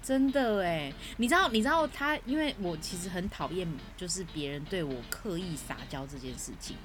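A woman co-hosting a podcast in casual chat, telling stories with emphatic, animated delivery. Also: lowish voice, normal speed. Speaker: podcast co-host. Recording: music playing underneath.

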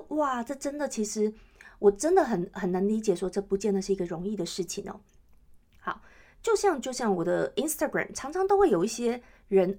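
A woman's voice: a little high, a little mellow. A woman host, chatting on her own podcast and often checking in with listeners. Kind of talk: casual solo chat.

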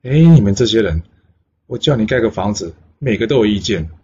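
A man voicing a domineering ancient tyrant king with loud, bossy outbursts. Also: fairly low pitch, expressive, fairly quick, dull audio, a little hiss or hum, natural voice. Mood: furious.

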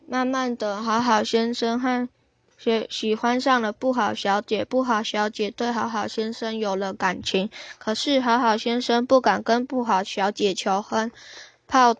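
Gentle woman storyteller for kids, unhurried, fairly high voice. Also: dry recording. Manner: gentle, slow, warmly explaining to children. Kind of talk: children's story reading.

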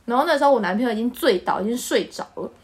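Podcast host, woman, Taiwanese Mandarin accent, animated storyteller, high and quick. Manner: animated, bursts into laughter while telling. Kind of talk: casual storytelling chat.

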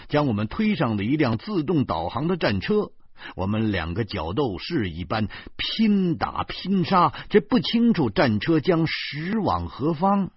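A man's voice: medium pitch, slightly rough, no echo. A man with a Beijing accent narrating an audiobook in a wry, colloquial way. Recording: dull lo-fi recording.

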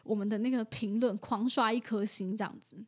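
Animated woman with a husky voice. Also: medium pitch. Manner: animated, laughs often, fast asides. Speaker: animal hospital staff telling a story. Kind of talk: casual podcast storytelling.

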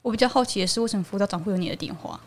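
A woman's voice: mid-range voice, racing. A woman who co-hosts a casual chat and cuts in with wry, teasing remarks. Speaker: podcast co-host.

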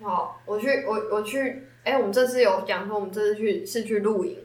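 A woman's voice: mid-range voice, fairly quick, roomy sound. A woman, co-hosting a casual chat in a teasing, laughing manner. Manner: teasing, laughs easily, sums up topics. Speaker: podcast co-host.

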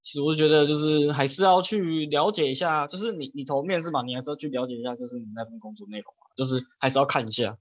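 A man's voice: fairly high pitch, quick pace, few pauses. A man chatting on a podcast, rambling with lots of fillers and stammered restarts. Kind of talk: casual chat. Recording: slightly dull, lo-fi sound.

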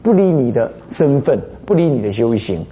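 A man's voice: mid-range voice, big pitch swings, moderate pace, warm tone. An older man, a Buddhist abbot giving a dharma lecture in a teacherly way, often checking in with rhetorical questions.

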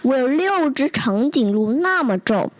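A woman's voice: sits high, lively intonation, unhurried. A woman voicing a huge, homesick young male T. rex in a storybook, earnest and wide-eyed, as if reading to a toddler. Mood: amazed. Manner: earnest, wide-eyed, simple childlike phrasing. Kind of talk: storybook character letters read to a toddler.

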